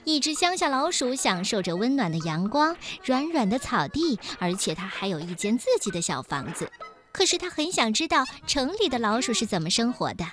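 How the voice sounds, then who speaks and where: A woman narrating a children's story in a gentle, expressive storybook manner. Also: fairly high pitch, a little fast, soft background music.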